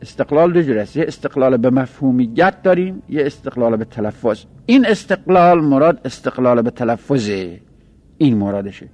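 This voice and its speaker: Man teaching a slow, repetitive lesson. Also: medium pitch, expressive, darkish tone. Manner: explains slowly, stretching key terms and repeating points. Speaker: teacher of Arabic grammar. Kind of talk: seminary-style grammar lesson.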